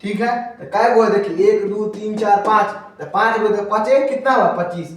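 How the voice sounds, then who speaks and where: A man's voice: high voice, moderate pace, far from the mic. Echoey young man teaching grammar. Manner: chatty, repeats questions to students. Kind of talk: casual Hindi grammar lesson. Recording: echoey room, voice from off-mic.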